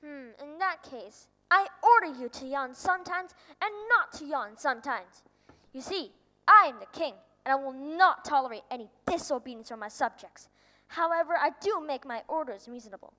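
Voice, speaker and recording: A woman's voice: sits high, lively intonation, moderate pace, hardly any pauses, fairly bright tone. A woman acting a pompous old male king on a school auditorium stage, speaking in a commanding way. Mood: regal. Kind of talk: stage play performance. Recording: long hall reverb on stage.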